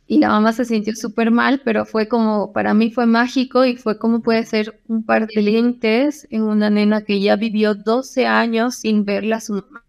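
A woman's voice: fairly high pitch, flat delivery, normal speed, gravelly, hardly any pauses, darkish tone, dull audio. A woman from Bolivia, an eye doctor, telling clinic anecdotes in a casual interview, full of fillers and acted-out quotes. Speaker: ophthalmologist guest.

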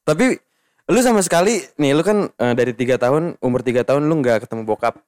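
A man's voice: mid-range voice, expressive, fairly quick, a little mellow. A young man hosting a casual podcast chat, teasing his guest, laughing often and talking in slang. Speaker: podcast host.

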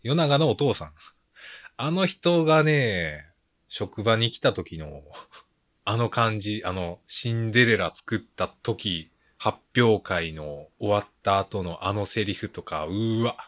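Low-voiced Kansai man chatting about films. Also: animated, unhurried, fairly bright tone. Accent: Kansai Japanese. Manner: blunt, grumbling, rambling colloquial asides. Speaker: film review podcaster. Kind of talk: casual solo movie-review chat.

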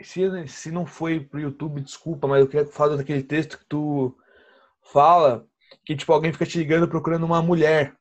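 An eager young Brazilian man talks fast and casually, packing his speech with slang and fillers. His voice sits slightly high. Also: fairly even intonation. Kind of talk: casual podcast conversation.

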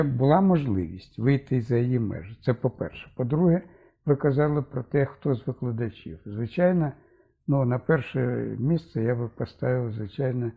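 An older man, a philosophy lecturer, talking through ideas in a relaxed discussion and checking in with short asides. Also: medium pitch, creaky, husky, phone-quality sound. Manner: thoughtful, fond of asides and 'да?' checks. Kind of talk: conversational discussion.

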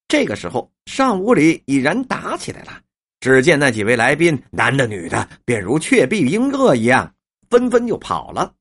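A woman narrating a novel in a storyteller's lively cadence. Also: rumbling low, moderate pace, breathy edge.

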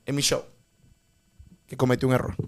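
A man's voice: medium pitch, monotone, moderate pace. A man hosting his own show, casual and self-mocking, often laughing at himself in a group discussion. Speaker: show host.

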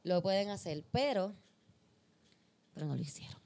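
Animated Puerto Rican woman telling a story. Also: fairly low pitch, normal speed, vocal fry. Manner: animated, acts out voices in her stories; mixes English into her talk. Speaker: podcast host. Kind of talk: casual storytelling chat.

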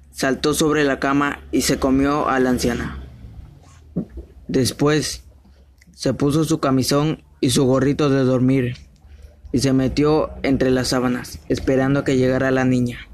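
Steady-voiced man reading a fairy tale. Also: medium pitch, measured pace. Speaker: storyteller.

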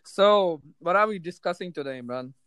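A man's voice: high voice, animated, normal speed, a bit bright, smooth, no room sound. A man with a Pakistani accent hosting a podcast in casual conversation. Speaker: podcast host. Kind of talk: casual chat mixing in Urdu phrases.

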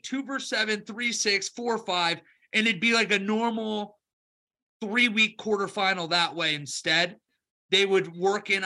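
A man co-hosting a casual sports podcast, talking through playoff scenarios and betting picks in a quick, wry way. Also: high voice, bright, forceful tone. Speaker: podcast co-host, picks analyst.

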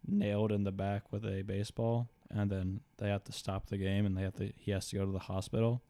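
Young man, very deep, flat, dark tone, casual chat. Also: brisk, no room sound.

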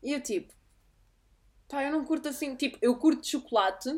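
A woman's voice: sits high, fairly quick. A young woman with a European Portuguese accent in casual podcast chat, opinionated and slangy, slipping into English. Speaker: podcast co-host.

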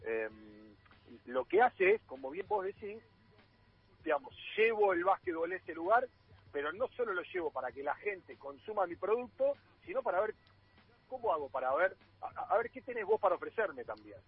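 A man's voice: sits high, sing-song, moderate pace, husky. A man with an Argentine accent, a radio sports columnist explaining things in a panel talk, with many fillers and restarts. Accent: Argentine Spanish. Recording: muffled, phone-like line.

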